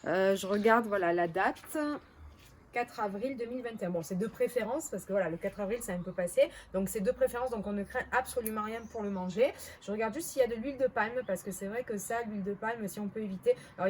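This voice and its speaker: A woman's voice: mid-range voice, quick pace, a little mellow, a little hiss or hum. A woman with a Marseille accent chatting casually to camera as a vlogger, hesitant and often correcting herself. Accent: Marseille French. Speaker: vlogger reviewing bargain hauls.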